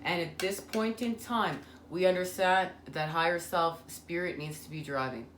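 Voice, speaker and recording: A woman's voice: fairly low pitch, moderate pace, fairly bright tone. A woman giving a spiritual tarot reading, talking earnestly and meandering with many fillers. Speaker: tarot reader. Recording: echoey room with faint ambient noise.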